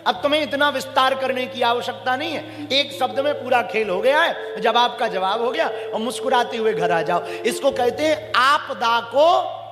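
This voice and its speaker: High, bright-voiced preacher in an echoey hall. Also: male voice, normal speed. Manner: animated, dramatizes dialogue, calls on the audience to repeat. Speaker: religious preacher. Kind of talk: devotional sermon with storytelling. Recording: echoey hall with faint music.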